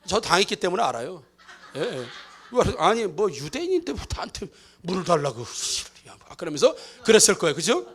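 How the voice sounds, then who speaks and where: Man, pastor, very high voice, animated sermon, acts out characters, church sanctuary. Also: fairly quick, husky. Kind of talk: lively Easter sermon with acted asides.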